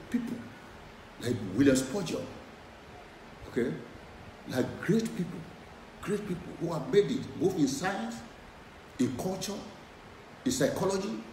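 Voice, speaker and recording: A man's voice: fairly high pitch, a little mellow, echoey room, distant mic, a little hiss or hum, low-quality recording. A middle-aged man preaching a sermon, emphatic and repeating his key phrases over and over. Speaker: preacher and former lecturer.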